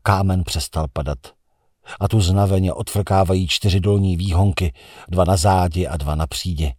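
A man narrating a literary novel in the first person, measured and tense in delivery. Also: sits low, fairly even intonation, darkish tone, breathy edge, no echo, clean studio sound. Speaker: audiobook narrator.

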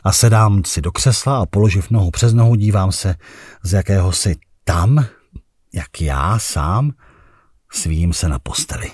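A man narrating a literary audiobook in the first person, with an expressive, agitated delivery. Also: low voice, breathy edge, no echo, clean studio sound.

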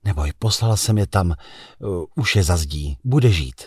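A man voicing a dreamy, bold young woman in love with the narrator in an audiobook, speaking in a wistful, hushed way. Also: low voice, expressive, slightly rough, dry recording, clean studio sound.

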